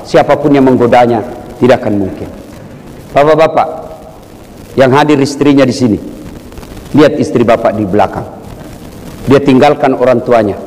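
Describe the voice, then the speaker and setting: A middle-aged man preaching to a live audience, telling animated jokes and jumping to a high pitch for punchlines. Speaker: Islamic preacher. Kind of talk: humorous sermon to an audience. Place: large hall with live audience. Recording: echoey hall with faint ambience.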